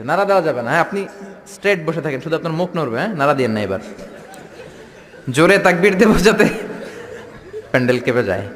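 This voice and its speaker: A man's voice: a little high, fairly bright tone, in a large hall. A man preaching a humorous sermon to a crowd in a tent, playfully mimicking regional dialects and calling for responses. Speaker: preacher at a religious gathering. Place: large tent gathering.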